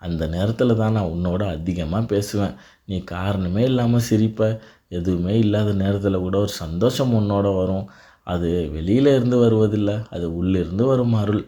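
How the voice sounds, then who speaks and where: A man delivering a devotional blessing in a calm, reassuring voice, speaking directly to the listener. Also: on the low side. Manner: calm, reassuring second-person address. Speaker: devotional narrator.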